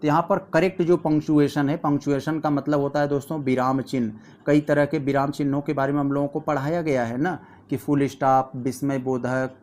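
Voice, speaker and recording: Male tutor, slightly high voice, patient step-by-step exam explainer. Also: level tone, a little mellow. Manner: explains step by step, reads questions aloud slowly. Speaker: teacher. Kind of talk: exam practice lesson.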